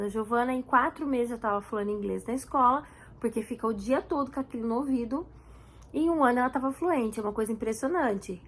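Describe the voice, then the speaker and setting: A Brazilian woman in her thirties chatting casually to camera as a vlogger, repeating words for emphasis. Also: on the high side.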